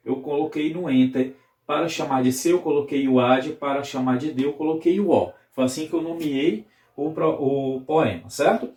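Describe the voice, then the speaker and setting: A man's voice: fairly high pitch, warm tone, reverberant. A male Brazilian literature teacher giving a recorded video lesson, explaining step by step and often checking in with his students. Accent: Brazilian Portuguese.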